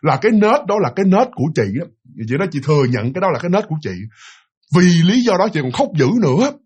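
Southern Vietnamese male storyteller, chatty and animated, slightly high pitch. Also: quick pace, slightly rough. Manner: chatty, addresses listeners, many restarts. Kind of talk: retelling a listener's spirit story.

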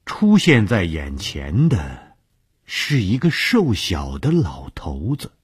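A man reading a horror story aloud in a measured, suspenseful way. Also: deep voice, wildly swooping pitch, husky. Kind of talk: scripted horror narration.

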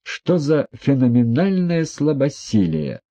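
A man's voice: medium pitch, very animated, slow, voice pushed up. A man doing a jeering, crude hanger-on. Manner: yelling, mocking. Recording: dull dry audiobook recording.

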